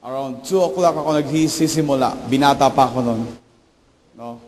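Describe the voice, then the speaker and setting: A middle-aged male pastor giving a sermon, telling animated stories and acting out the voices of the people in them. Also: mid-range voice, normal speed, slight background noise. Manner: animated, acts out quoted voices. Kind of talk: Taglish sermon storytelling. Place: church sanctuary. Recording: reverberant church hall.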